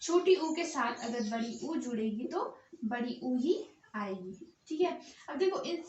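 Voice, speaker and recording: A high-pitched woman with an Uttarakhand Hindi accent explains grammar at an unhurried pace, asking a question and then answering it herself. The sound is dull and lo-fi, caught in a roomy, echoing space. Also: lively intonation, darkish tone, slight background noise. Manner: asks questions and answers them herself, repeating "theek hai". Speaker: teacher. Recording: echoey room, dull lo-fi sound.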